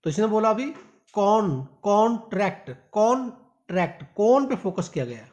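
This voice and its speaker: Recorded at low quality, this clip has a man with a high, very animated, slightly mellow voice giving an English pronunciation lesson. He calls his learners "my dear" and reads example sentences slowly, word by word.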